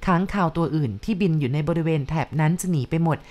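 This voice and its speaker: A woman reads a story aloud with a calm, measured delivery. Her voice sits a little low, and she narrates steadily and descriptively.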